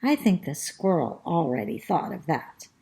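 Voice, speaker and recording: A woman reading a children's storybook aloud as a chatty, fussy pet parrot who narrates the tale, in a slow, sing-song rhyming manner. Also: lowish voice, big pitch swings, creaky, dark tone. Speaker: storybook reader.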